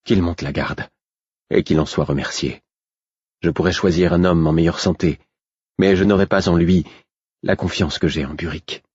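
A man's voice: deep voice, steady tone, slightly rough, no echo, highs cut off. A man voicing a grave, resolute queen. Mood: bitter. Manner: measured, quietly fierce.

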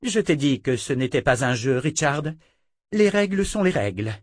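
A man's voice: medium pitch, normal speed, no echo, studio quality, close to an everyday voice. A man voicing a stern sister, raised voice. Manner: cold, commanding. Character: stern older woman, a magic-wielding sister.

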